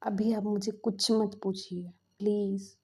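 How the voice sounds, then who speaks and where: A woman voicing a young adult man who evasively pleads with his mother, speaking softly and hushed. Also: medium pitch, level tone, takes it slowly, husky. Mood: pleading.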